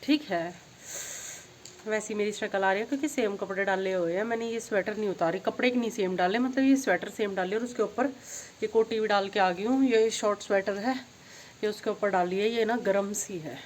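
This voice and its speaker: A middle-aged woman, chatting casually in a home vlog and telling stories with lively energy. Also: medium pitch, brisk, slight background noise. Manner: chatty storytelling, grows excited retelling events. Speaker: vlogger.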